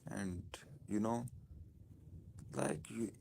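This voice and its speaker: Gravelly, low-voiced man with a Pakistani accent. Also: mellow, slight background noise. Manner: halting, repetitive phrasing. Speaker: live streamer. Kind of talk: informal live-stream commentary.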